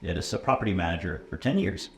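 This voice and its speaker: This fast-talking American man in his thirties teaches computer science and speaks with a low, expressive voice. He's from the USA, a first-language English speaker, chatting casually in a relaxed interview with many ums and uhs and frequent "okay?" check-ins. The sound is roomy and echoey, with faint room noise.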